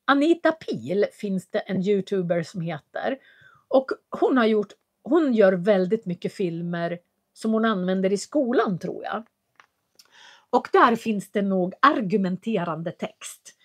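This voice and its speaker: A woman teaching in a live lesson, answering viewers and speaking clearly, with careful articulation and a patient, explanatory manner. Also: medium pitch, lively intonation. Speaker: Swedish teacher.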